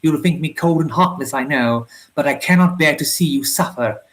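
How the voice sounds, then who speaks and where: A man's voice: a little high, brisk, natural voice. A man voicing a weary, sad young noblewoman who speaks in a faraway tone, in a storybook reading.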